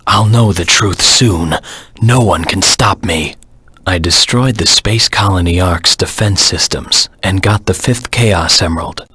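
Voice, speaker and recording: Low, husky, brooding Shadow the Hedgehog. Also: male voice, pushed and bright, no room sound, full character voice. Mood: menacing, resolute. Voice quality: low, husky, gravelly rasp. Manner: grim, terse, dramatic delivery. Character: brooding, vengeful dark anti-hero hedgehog. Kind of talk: video game voice acting.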